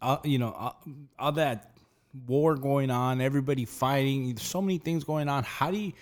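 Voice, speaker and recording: Rambling male podcast host, mid-pitched. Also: moderate pace. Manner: long rambling questions with many restarts. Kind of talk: casual interview talk.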